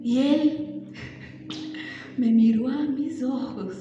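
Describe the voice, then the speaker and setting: A woman's voice: sits high, extremely slow, lo-fi sound. A woman preacher telling a first-person sermon as Mary Magdalene, a devoted, awestruck disciple, in an emotional, dramatic way. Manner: emotional, dramatic storytelling with exclamations. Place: large church hall at a women's congress. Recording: echoey hall with background music.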